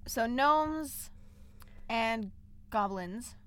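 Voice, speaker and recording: A woman's voice: on the high side, lively intonation, extremely slow. A woman co-hosting a podcast, joking around in casual chat in a library recording room. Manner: playful, jokey. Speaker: podcast co-host.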